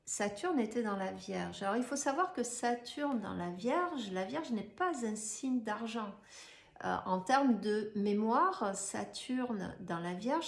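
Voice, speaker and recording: A woman, an astrologer who explains in a chatty, casual way, with many fillers and rhetorical questions. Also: mid-range voice. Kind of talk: casual explanatory video talk. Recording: echoey room.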